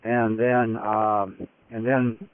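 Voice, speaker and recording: A man giving an unscripted first-person expedition report, telling it in a halting, matter-of-fact way in short phrases. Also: on the low side, flat delivery, no echo. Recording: dull radio-like phone link, dry.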